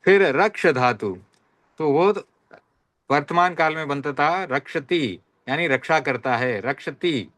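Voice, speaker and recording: A man teaching a Sanskrit class, reciting verb forms one by one in slow, repeated drills and often checking that students follow. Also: fairly high pitch, expressive, fairly bright tone, no room sound. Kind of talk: online class lesson.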